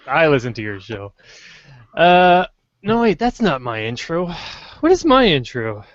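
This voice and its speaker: A man's voice: a little high, huge pitch swings, a little slow, dry recording. Joking man hosting a podcast, lo-fi. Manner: joking, rambling, tries several silly intros. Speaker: podcast host. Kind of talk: casual podcast chat. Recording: dull lo-fi dry sound.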